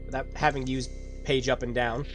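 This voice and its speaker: A man's voice: medium pitch, flat delivery, fairly quick, music in the background. A man streaming a game, talking casually, laughing often and swearing. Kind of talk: casual let's-play commentary.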